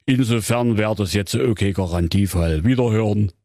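A man's voice: lowish voice, moderate pace, dry recording, studio quality. A man doing a bored hotline clerk. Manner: flat bureaucratic drawl. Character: bored male fairy-tale hotline clerk.

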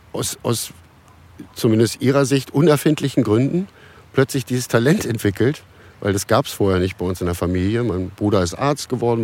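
A man in his fifties from Germany, a musician guest in a casual podcast conversation, telling stories in a relaxed way with many restarts and fillers. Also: lowish voice.

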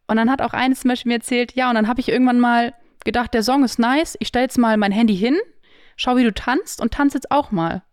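Woman, higher voice, lively storyteller co-host, dry close sound. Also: fairly quick, smooth, dry recording. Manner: lively, animated anecdotes. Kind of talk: casual storytelling conversation.

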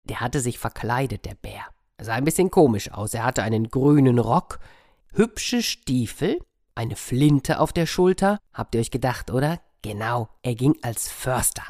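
A man telling a children's story in a lively, playful way, speaking directly to the young listeners. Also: medium pitch, normal speed, no room sound, clean studio sound.

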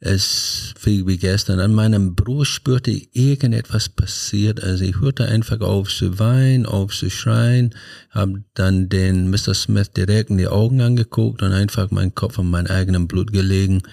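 Low flat-voiced older man. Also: vocal fry, dry recording, clean studio sound. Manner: halting, many fillers and restarts. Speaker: podcast guest. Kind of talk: personal storytelling.

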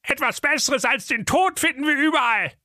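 A man's voice: very high voice, animated, normal speed, pushed and bright, dry recording, studio quality, voice pushed up, heavily acted. A man voicing a bossy, impatient male donkey in a comic audio fairy tale. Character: bossy male donkey, laid-off railway crossing keeper.

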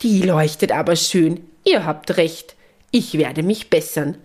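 A woman's voice: low-pitched, takes it slowly, darkish tone. A woman voicing a small male Christmas elf in a storybook, speaking contritely.

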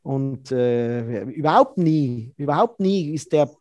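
A man, a body language expert being interviewed, who explains in a lively way and acts out quoted dialogue. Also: medium pitch, slow pace, no room sound.

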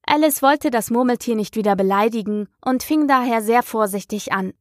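A woman narrating an audiobook of a children's classic in a slow, measured reading. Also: on the high side, no room sound, clean studio sound. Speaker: storyteller.

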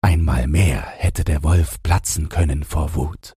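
A man narrating a fairy-tale audiobook in slow, expressive storytelling, with a deep, gravelly, husky voice. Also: no room sound, clean studio sound.

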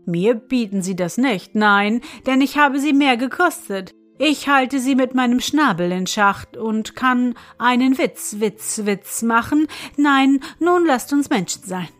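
A woman's voice: fairly high pitch, animated, unhurried, few pauses, faint music behind. A woman doing a pompous lecturing parrot. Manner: lofty, lecturing. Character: pompous green parrot, smug and self-satisfied. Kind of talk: storybook reading.

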